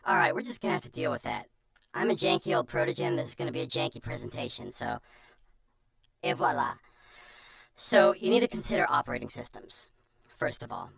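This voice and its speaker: A streamer with an artificially pitch-shifted chipmunk voice gives an informal, self-deprecating how-to presentation in a chatty manner. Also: very animated, brisk, long pauses, a bit bright, no echo. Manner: chatty, self-deprecating, breaks off into muttered asides. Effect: pitch shifter giving a chipmunk voice.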